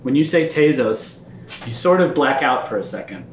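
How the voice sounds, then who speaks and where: A man's voice: mid-range voice, moderate pace. Man narrating a tabletop game. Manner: calm, storytelling narration. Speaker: game master. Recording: echoey room, faint background noise.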